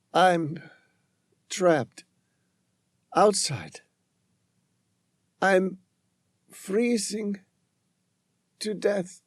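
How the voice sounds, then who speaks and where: A man voicing a desperate woman scientist trapped in the ice and dying, speaking in halting, pleading phrases in an audiobook. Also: high voice, no echo, clean studio sound, voice pushed up, full character voice. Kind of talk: audiobook narration.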